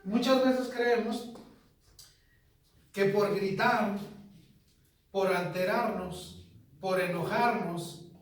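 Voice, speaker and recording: A man pastor teaching a sermon, measured, repeating key phrases and putting questions to the congregation. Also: sits high, fairly even intonation. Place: church hall. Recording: echoey church from far off.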